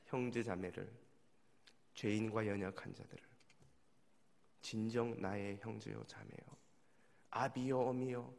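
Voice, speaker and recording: A middle-aged man preaching a sermon as pastor, swinging between loud exclamations and hushed whispers. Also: lowish voice, fairly even intonation, measured pace, vocal fry, pauses often. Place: church sanctuary. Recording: long hall reverb of a church.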